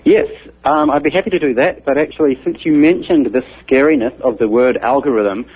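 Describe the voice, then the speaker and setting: A man from New Zealand, a computer scientist appearing as an interviewee, walks through ideas with patience and method. His voice is husky and medium-pitched, and he speaks fairly quickly over muffled radio-style audio.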